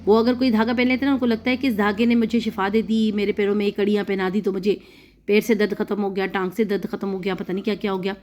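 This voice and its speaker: A woman's voice: mid-range voice, little pitch movement, darkish tone. Patient woman teaching Quran recitation. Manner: patient, repeats words slowly to model pronunciation. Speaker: Quran tajweed and translation teacher. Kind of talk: explanatory lesson.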